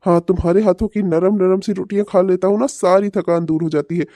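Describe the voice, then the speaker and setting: A woman's voice: fairly low pitch, fairly even intonation, fairly quick, mellow, no echo, lightly acted. A woman voicing an eager, loving young man in a cartoon, talking earnestly and pleading. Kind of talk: cartoon voice acting.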